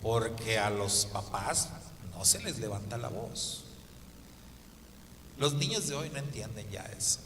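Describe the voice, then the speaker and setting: A man's voice: fairly low pitch, big pitch swings, measured pace, long pauses, a bit bright, slight background noise. A man preaching a sermon, emphatic and asking the congregation rhetorical questions. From Mexico. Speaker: pastor. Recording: echoey hall with long reverb.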